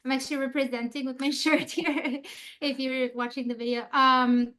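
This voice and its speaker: Woman from albania, high voice, friendly and eager, interview guest. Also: little pitch movement, normal speed, a bit bright. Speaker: negotiations expert, guest.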